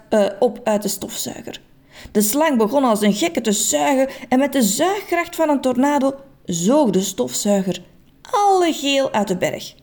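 A woman narrating a children's story in an expressive, playful, suspenseful way. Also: on the high side.

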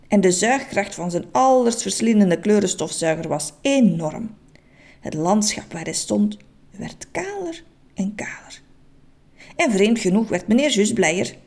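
A woman narrating a children's story in an expressive, playful, suspenseful way. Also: mid-range voice.

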